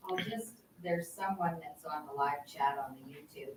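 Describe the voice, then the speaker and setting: A Canadian woman at a public meeting, reading questions aloud deliberately. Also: low voice, a little mellow, slight background noise. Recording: echoey hall from far off.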